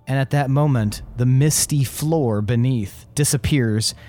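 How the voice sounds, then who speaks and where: A man narrating a tabletop role-playing game as game master, laying out scenes in deliberate, suspenseful short phrases. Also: medium pitch, mellow, faint music behind.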